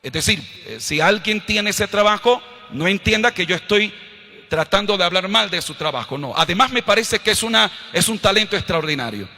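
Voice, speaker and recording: A Colombian man preaching a sermon, swinging from low, quiet asides up to loud, shouted scripture lines. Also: expressive, brisk. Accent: Colombian Spanish. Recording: long hall reverb.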